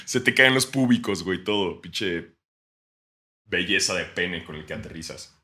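Young mexican dude on a podcast, super bright voice, bounces all over, cracks up a lot. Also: male voice, sits low, lively intonation, normal speed. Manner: jokey, laughs a lot, bursts into loud mock shouting. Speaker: podcast co-host. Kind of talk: casual comedic chat.

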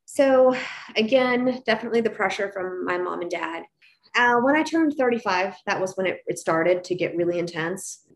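A woman's voice: mid-range voice, animated, moderate pace, slight background noise. A woman in her forties, a guest on an interview, speaking candidly and reflectively with frequent restarts and you-knows. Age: 40s. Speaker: guest, pediatric dentist.

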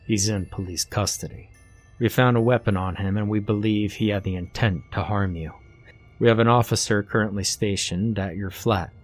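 A man voicing a calm, formal police officer calling on the phone, speaking in polite official phrasing within a horror story reading. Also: on the low side, moderate pace, soft background music, lightly acted.

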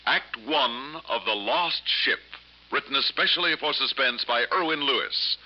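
A man's voice: mid-range voice, lively intonation, a little slow. A man working as an old-time radio announcer, reading scripted copy in a formal, dramatic way. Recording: dull old radio recording, music behind.

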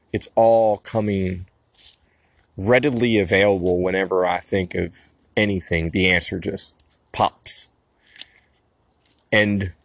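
A man's voice: on the low side, no echo. A man in his thirties hosting a podcast, telling a personal story in an earnest, emotional, rambling way. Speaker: podcast host.

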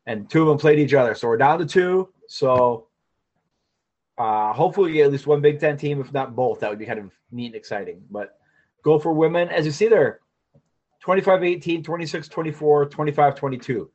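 This man's voice sits on the high side, with a darkish tone and a fairly quick delivery. As a podcast co-host, he chats casually through local sports news, scores and schedules, captured in dull lo-fi audio.

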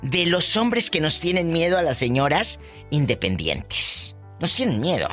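A woman's voice: low voice, sing-song, unhurried, fairly bright tone, soft background music. A woman hosting a call-in radio show who teases her callers in a theatrical way and laughs often. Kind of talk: playful call-in radio banter.

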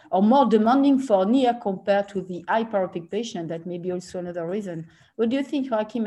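A woman's voice: medium pitch, mellow. A woman moderating an expert panel discussion, courteous and a little wordy as she leads the conversation.

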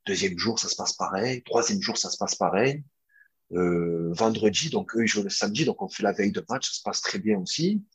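A young man speaks as an interview guest, telling a story in a loose, chatty way. His voice sits on the low side and sounds slightly husky. He often hesitates and restarts his sentences but keeps the story moving. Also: fairly quick. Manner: animated, hesitant with many fillers and restarts. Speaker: interview guest, former footballer.

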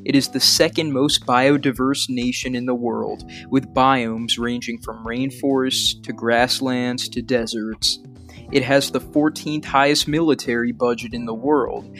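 A man hosting a history podcast, reading a scripted narration in a measured, earnest way. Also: mid-range voice, creaky, fairly bright tone. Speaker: podcast host.

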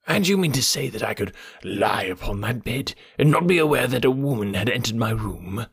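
An old professor caught in a lie, hiding his fear behind mocking laughter, as a male storyteller puts him on. His voice is gravelly and rough. The sound is close and dry. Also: medium pitch, lively intonation, normal speed, fairly bright tone, dry recording, full character voice. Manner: mocking, defiant.

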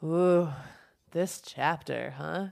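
A woman's voice: low-pitched, very slow, gravelly, darkish tone. A woman co-hosting a podcast, asking thoughtful questions in a casual chat. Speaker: podcast co-host.

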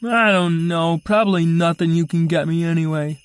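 A woman's voice: on the low side, normal speed, clear, resonant tone, no echo, soft background music, close to an everyday voice. A woman voicing an eager, whiny little squid monster boy in a children's story. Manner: whiny, pleading. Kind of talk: storybook character voice.

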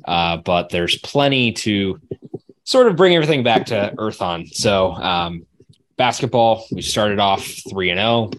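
Male podcast host, low pitch, casual sports chat, informal delivery. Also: slight background noise.

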